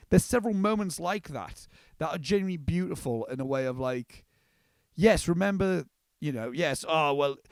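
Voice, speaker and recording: A man's voice: fairly high pitch, no echo. A young man giving a casual, earnest film review, rambling with many restarts. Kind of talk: casual spoken movie review.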